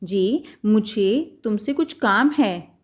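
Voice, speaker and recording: A woman voicing a cheeky, stubborn little male mouse in a children's storybook reading, making loud demands and chanting singsong threats. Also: medium pitch, animated, slow, breathy edge. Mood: polite.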